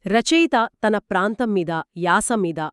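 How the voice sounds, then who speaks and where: A woman's voice: medium pitch, animated, takes it slowly, clear, resonant tone, no room sound, clean studio sound. A woman co-hosting a book discussion podcast, explaining and summing up reader reviews. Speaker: podcast co-host.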